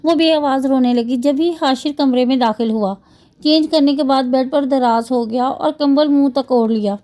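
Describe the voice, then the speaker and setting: A woman's voice: high voice, warm tone. A woman reading a romance novel aloud, storytelling steadily with small restarts. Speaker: novel narrator.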